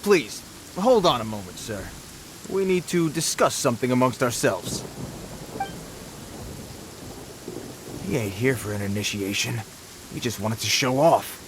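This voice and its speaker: Man acting a jittery, animated bandit underling. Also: medium pitch, normal speed, background noise, lightly acted. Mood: nervous, puzzled. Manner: hesitant, placating, obsequious. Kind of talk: video game voice acting.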